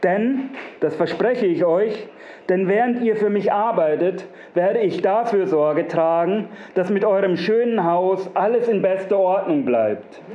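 A man doing a smug wrinkled little gnome. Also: high voice. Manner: coaxing, long-winded, repetitive. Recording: roomy, dull lo-fi recording.

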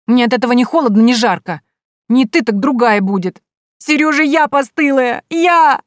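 A woman's voice: mid-range voice, moderate pace, darkish tone, no room sound, clean studio sound, lightly acted. A woman reading aloud, voicing a big, stubborn young peasant woman who wails and snaps in old-fashioned folksy speech. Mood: wailing.

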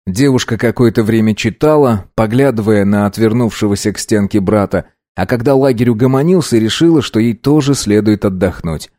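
A man narrating an audiobook in a steady, even reading. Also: on the low side, a little fast, few pauses, no echo, clean studio sound.

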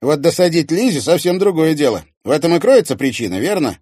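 A man's voice: a little high, lively intonation, a little fast, warm tone, husky, no echo, clean studio sound, pitched above the performer's own voice. Blunt, indignant teenage boy, as a man voices him. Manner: curt, grumbling.

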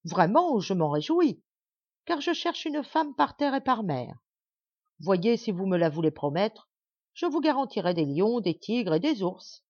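A woman's voice: mid-range voice, big pitch swings, measured pace, a little mellow, no echo, dull audio. A woman voicing a disdainful little male dwarf, a brash, mocking scoundrel in a storybook reading. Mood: scheming.

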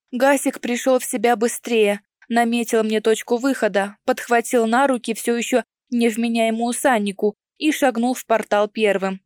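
Higher-voiced woman reading an audiobook. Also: darkish tone, no room sound, studio quality. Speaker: audiobook narrator. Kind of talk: first-person audiobook narration.

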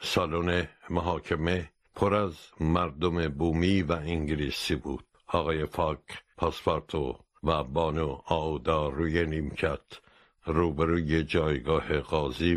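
A man narrating an abridged classic novel as an audiobook, in a steady, even storytelling voice. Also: a bass voice, no echo.

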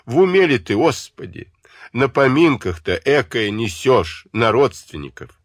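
A man's voice: mid-range voice, sing-song, measured pace, no echo, clean studio sound. A man reading an audiobook and voicing a frightened mother pleading with her daughter. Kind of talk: audiobook character voice.

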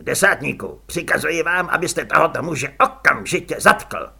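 A man reads as a stiff, self-important army captain. The orders come out haughty and clipped. The voice stays bright with a husky edge. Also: on the high side, expressive, voice pushed up, full character voice. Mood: stiff commanding.

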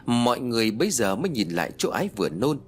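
Husky, expressive male audiobook narrator. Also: mid-range voice, quick pace. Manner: dramatic, expressive storytelling. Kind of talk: scripted narration of a ghost story.

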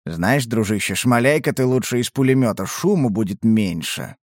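A man voicing a gruff sardonic squad leader. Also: mid-range voice, lively intonation, moderate pace, no room sound, studio quality, close to an everyday voice.

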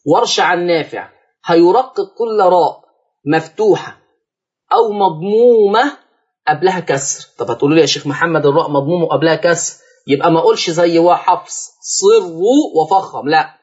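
On a broadcast lesson, an Egyptian-accented man teaches Quran recitation, posing questions to the listener, answering them himself, and stretching out recited words slowly as a demonstration. His voice is slightly high and mellow with a breathy edge, and the audio is lo-fi.

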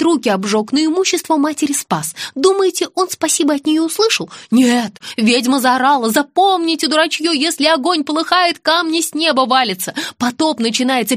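A woman's voice: no room sound, clean studio sound. A woman reading an audiobook, voicing a hysterical, whining young blonde. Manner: shrill, whining.

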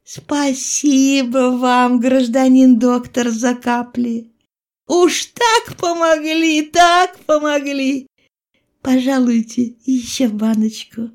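A woman reading an audiobook and voicing a flattering young peasant woman with a high, lilting sing-song voice. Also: drawn-out words, full character voice. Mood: fawning.

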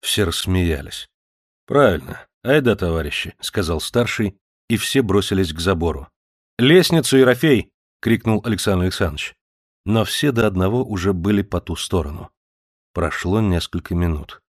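A man narrating an audiobook in a low voice, with measured, even storytelling. The recording is close and dry, with no room sound. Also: no echo.

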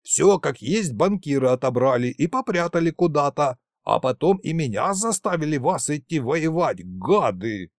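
A man's voice: on the high side, sing-song, normal speed, hardly any pauses, dry recording, clean studio sound. A man putting on a whining old trickster spirit. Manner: self-pitying, wheedling, folksy.

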